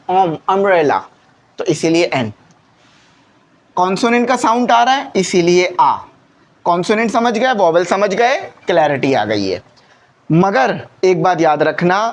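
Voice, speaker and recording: Patient man teaching grammar. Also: high-pitched. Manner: patient, repeats key points, asks rhetorical questions. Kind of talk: classroom grammar lesson.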